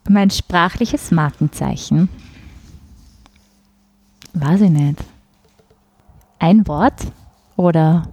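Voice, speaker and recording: A woman with a Viennese accent chats as an interview guest, laughing often and searching for her words. Her voice sits a little low and mellow and moves at an unhurried pace. The sound is dry and close. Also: no echo. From Austria. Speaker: guest, cabaret artist. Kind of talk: casual interview chat.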